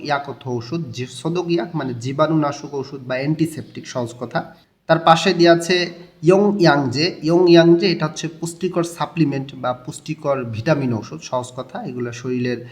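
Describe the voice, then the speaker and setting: A young man with a Bangladeshi Bengali accent teaches a language lesson. He talks quickly in a slightly high voice, walking through each point and repeating the key words. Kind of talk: explaining a textbook lesson.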